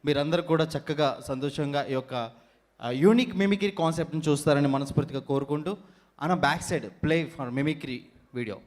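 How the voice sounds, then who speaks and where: A man's voice: on the high side, fairly quick. A man, a mimicry artist, politely introducing his act on an awards stage. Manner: formal, courteous stage patter. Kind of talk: stage announcement.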